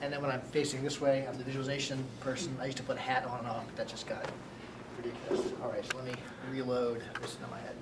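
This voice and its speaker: A man lecturing a university class, talking quickly and excitedly and often checking in with "right?". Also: medium pitch, far from the mic. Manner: fast-talking, excitable, many "right?" tags. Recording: echoey classroom recorded from afar, noisy.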